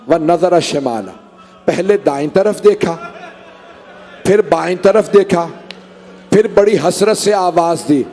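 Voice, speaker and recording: A man with a Pakistani Urdu accent reciting a Muharram mourning sermon to a gathered congregation, with impassioned, drawn-out cries. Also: a little high, dark tone. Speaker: majlis reciter.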